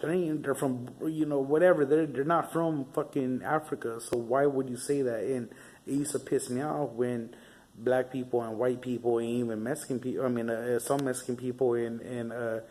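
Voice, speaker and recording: Poor audio captures a young Southern California vlogger with a mid-range, steady voice, a moderate pace and a darkish tone. He tells stories casually, rambling on, swearing freely and using many fillers.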